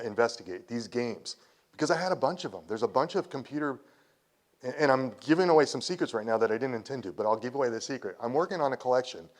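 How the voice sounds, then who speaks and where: Fifty-something man telling a rambling story. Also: medium pitch. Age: 50s. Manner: rambling, with restarts and quoted dialogue. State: emotional at times. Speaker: conference speaker. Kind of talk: personal storytelling talk. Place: presentation hall.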